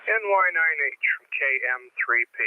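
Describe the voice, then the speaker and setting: A man with a thin, tinny voice, pitched a little high, chats casually as a ham radio operator at a normal speed and with an expressive delivery. He speaks into a studio dynamic mic feeding a radio transceiver, and the narrow-band radio link sounds tinny and carries static.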